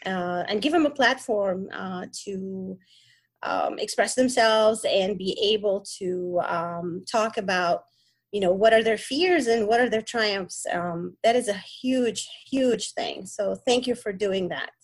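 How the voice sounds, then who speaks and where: A young adult woman from the Middle East, a podcast guest talking casually and haltingly, with many fillers and restarts. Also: mid-range voice, husky. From Middle East (born in Kuwait, raised in Egypt). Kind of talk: casual interview talk.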